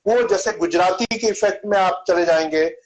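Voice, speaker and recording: A man with a notably high-pitched voice speaks on a video call. He explains patiently, repeating syllables to show how each sound is made. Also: normal speed, poor audio. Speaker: Sanskrit and yoga teacher. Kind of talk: explanatory online Q&A answer.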